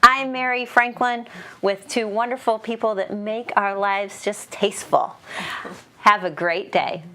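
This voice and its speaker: A woman's voice: mid-range voice, fairly even intonation, a little slow, sharp tone. A woman speaking as host of a community television interview.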